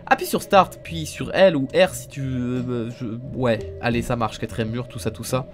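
A man streaming a video game live, joking and reacting excitably to it, recorded on a studio streaming mic. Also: mid-range voice, normal speed. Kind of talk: live gaming stream commentary. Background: game music.

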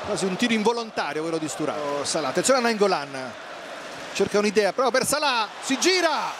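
Guy calling a soccer match, really high voice that swoops around, urgent choppy excited phrases. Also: a little fast. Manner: excited, urgent delivery in clipped phrases, rising to shouted goal calls. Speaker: football play-by-play commentator. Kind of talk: live Italian football match commentary. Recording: loud stadium noise behind. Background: stadium crowd and match ambience.

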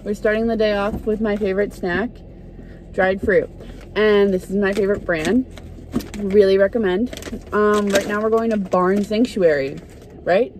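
A woman's voice: medium pitch, steady tone, unhurried, darkish tone. A young woman chatting upbeat to her phone camera on a road trip, in a car and outdoors. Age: young adult. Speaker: vlogger. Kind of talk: casual travel vlog narration. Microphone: phone held at arm's length. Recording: noisy car and street background.

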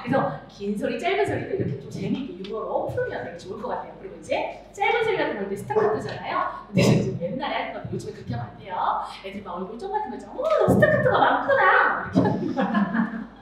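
A middle-aged woman teaching music to teachers at a seminar, animated, acting out voices and singing examples. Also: on the high side, very fast. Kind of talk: lively seminar lecture to teachers. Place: large lecture hall with audience. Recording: echoey hall, speaker far off, audience noise.

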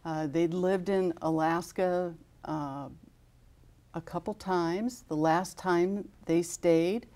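A woman's voice: lowish voice, steady tone, slow, mellow. A woman in her fifties with an American accent, a studio interview guest who speaks steadily and informatively, with frequent fillers. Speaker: guest from an aviation safety foundation. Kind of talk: studio interview, listing honorees. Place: television studio.

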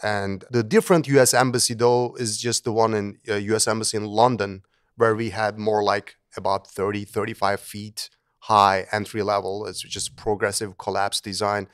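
A middle-aged man talks earnestly as an interview guest, often backing up to restart a phrase. His voice sits fairly low and sounds smooth and resonant. The recording is close and dry, with no room sound. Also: little pitch movement, moderate pace, no room sound. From Turkey. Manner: earnest, with frequent restarts and repeated words. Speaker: guest, engineering professor. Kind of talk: conversational interview.

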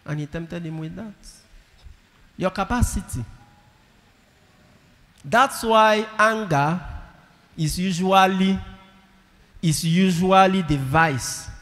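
Emphatic priest preaching in a church. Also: male voice, fairly high pitch, fairly bright tone. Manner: emphatic, repeats key phrases, calls for audience responses. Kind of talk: sermon. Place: large church with congregation. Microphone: handheld microphone. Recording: long church reverb.

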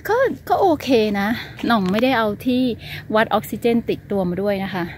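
Filming herself on a hand-held phone, a woman vlogs a mountain hike, her casual travel narration chatty, polite, and filled with filler sounds. She has a mid-range voice at normal speed, with a little hiss or hum on the recording.

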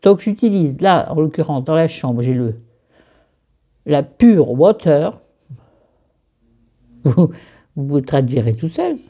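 A woman's voice: deep voice, big pitch swings, normal speed, husky, lo-fi sound. A woman filming a casual skincare vlog at home, chatty and self-mocking, rambling into crude asides. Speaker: beauty vlogger. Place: bedroom at home.

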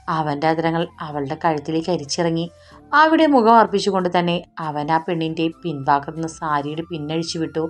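Woman narrator for a romance audiobook: soft, even delivery, lowish voice, faint music bed. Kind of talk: scripted romance story narration.

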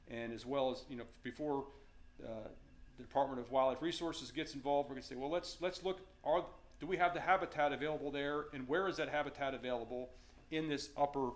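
Middle-aged Virginian man, fisheries manager at a slide talk, halting delivery, average pitch. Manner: unscripted, many fillers and restarts. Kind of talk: slide presentation lecture. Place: darkened meeting room with audience.

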